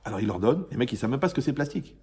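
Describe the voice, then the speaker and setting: Male rabbi, informal religious lesson to a live room; gravelly tone, jokey, conversational teacher. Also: mid-range voice, animated, very fast, darkish tone. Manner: joking, conversational, quizzes the audience.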